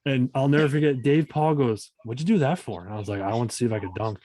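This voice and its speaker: A man's voice: mid-range voice, quick pace, dark tone, no echo, rough recording. Man telling sports stories on a podcast. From Maine, USA. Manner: rambling storyteller, swears casually. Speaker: podcast host. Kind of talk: casual chat.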